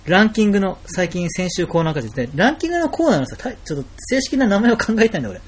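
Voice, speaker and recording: A young man co-hosting a casual late-night radio chat from a small apartment, fast and laughing through lively banter. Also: sits high, slight background noise. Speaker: podcast co-host. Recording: music playing under the voices.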